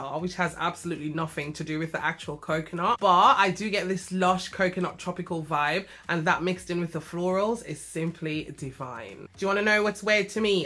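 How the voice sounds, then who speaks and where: Her voice on the low side and a bit bright, a young British beauty vlogger sounds slightly nasal from a cough. She reviews perfumes affectionately and chattily, with plenty of asides to her audience.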